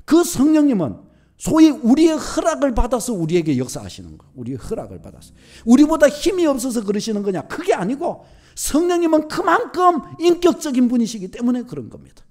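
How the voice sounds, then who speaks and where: A man's voice: very high voice, very animated, a little fast, a little mellow. A male pastor with a Gyeongsang accent, preaching a sermon emphatically, repeating his points and using homely everyday examples. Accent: Gyeongsang Korean.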